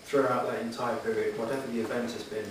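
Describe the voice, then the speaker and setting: A middle-aged man giving earnest, slightly hesitant answers in a formal interview before a room, with measured phrasing. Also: mid-range voice, little pitch movement. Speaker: job applicant answering interview questions. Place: echoey meeting room, addressing the room. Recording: very echoey hall, distant mic, background noise.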